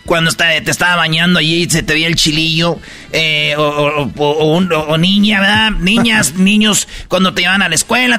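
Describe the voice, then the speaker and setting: A man hosting a joking radio show, telling slangy stories and pitching a contest in a loud promo style. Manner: rapid slangy storytelling, loud promo delivery.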